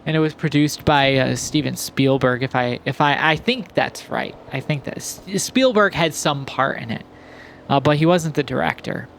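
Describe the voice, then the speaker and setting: A young man giving relaxed, rambling commentary over gameplay, full of fillers and restarts. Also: a little high, moderate pace, gravelly, a little hiss or hum. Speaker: gaming commentator. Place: home, recorded in post.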